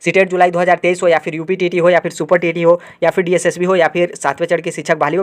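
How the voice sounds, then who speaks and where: Fast-talking high-voiced man explaining. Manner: rapid, repetitive filler-heavy explaining, addresses viewers directly. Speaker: exam-update video host. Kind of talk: explanatory exam-update talk.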